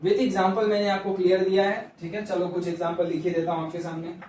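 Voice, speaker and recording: High-voiced male teacher in echoey room. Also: flat delivery, fairly quick, darkish tone, a little hiss or hum. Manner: repeats key terms, asks and answers his own questions. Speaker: school science teacher. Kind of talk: classroom lecture. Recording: very echoey room, mic far off.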